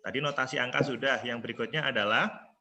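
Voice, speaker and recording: Speaking fast in a medium-pitched, sharp voice, a male primary school teacher with an Indonesian accent teaches online through his laptop. He coaxes answers patiently from the children and sings the notes of the scale.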